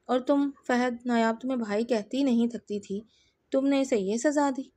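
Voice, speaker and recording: A furious young woman spits curses and threats at those who wronged her, as a woman reading a novel gives her the lines. The voice sits fairly high, with hard, angry emphasis in a plain novel-reading delivery. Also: mellow, lightly acted. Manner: angry, cursing.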